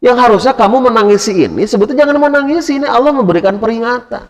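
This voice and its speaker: A man's voice: very high voice, lively intonation, racing, voice pushed up. A man voicing a stern older male religious teacher who lectures his pupil in a raised, urgent tone. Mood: admonishing. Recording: long hall reverb.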